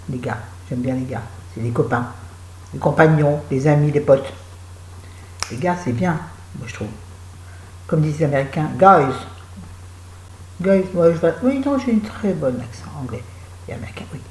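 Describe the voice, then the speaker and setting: Woman vlogger, low voice, chatty and self-deprecating, echoey home room. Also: darkish tone, slight background noise. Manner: chatty, self-mocking, rambling with restarts. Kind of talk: casual chat to camera.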